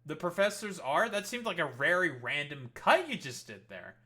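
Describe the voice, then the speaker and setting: Bright, sweary young-sounding man ranting. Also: a little high, sing-song, moderate pace, faint music behind. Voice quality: heated, sarcastic, swears constantly. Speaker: streamer reacting to videos. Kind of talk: profane rant commentary.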